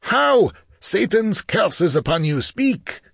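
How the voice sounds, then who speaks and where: A man's voice: on the high side, sing-song, measured pace, husky, no room sound, clean studio sound, pitched above the performer's own voice, exaggerated voice. A man voicing a cruel, mocking bandit chief with a scornful snarl in an audiobook reading. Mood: raging.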